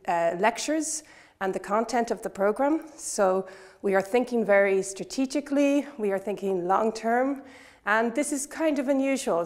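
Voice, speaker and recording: A woman, speaking in a measured, reflective way in a testimonial interview recorded in a classroom. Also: medium pitch. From Ireland. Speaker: course participant. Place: classroom by a window.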